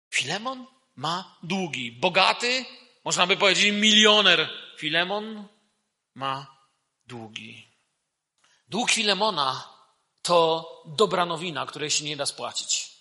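Bright-voiced man preaching a sermon. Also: high-pitched, in a large hall. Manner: animated, rhetorical questions to the congregation.

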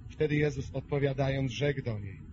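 A man preaching a sermon with passion, swinging between hushed pleading and loud cries. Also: medium pitch, moderate pace, background noise. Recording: muffled lo-fi recording.

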